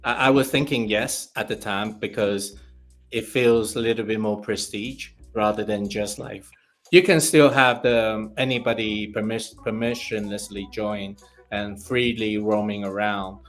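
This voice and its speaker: A man's voice: on the low side, steady tone, a little slow, a bit bright, soft background music. A man co-hosting a casual crypto chat who hesitates, repeats himself and laughs easily. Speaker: co-host.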